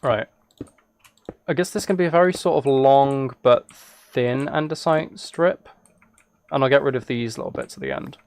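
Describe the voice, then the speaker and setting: In a sing-song, darkish voice of medium pitch and at a moderate pace, a man comments casually on a game he is live streaming indoors at his computer, rambling and amused at himself. Clear background noise and keyboard and mouse clicks can be heard.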